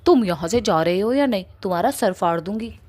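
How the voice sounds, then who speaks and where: A woman voicing a feisty young woman in a cartoon, who is blunt and quick to threaten. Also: mid-range voice, expressive, darkish tone, close to an everyday voice. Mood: angry.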